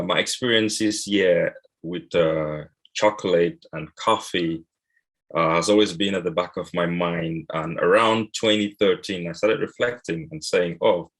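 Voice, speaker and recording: A man from Cameroon speaking on an online panel, measured and pausing often with "uh". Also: deep voice. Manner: measured, with frequent "uh" pauses. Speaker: cocoa and coffee exporter.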